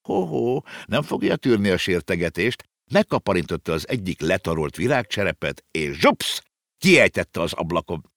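A man narrating an audiobook with lively storytelling. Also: sits low, vocal fry, no room sound, studio quality.

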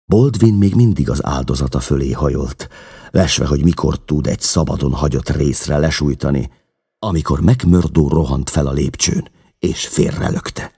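Brief: very deep, husky male audiobook narrator, dramatic and expressive. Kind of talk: audiobook reading.

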